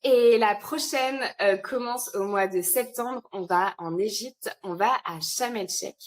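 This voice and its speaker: A woman in a casual podcast conversation, talking about her work in a lively, chatty way with frequent fillers and laughs. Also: medium pitch, unhurried. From France. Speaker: founder of an entrepreneur retreat, podcast guest.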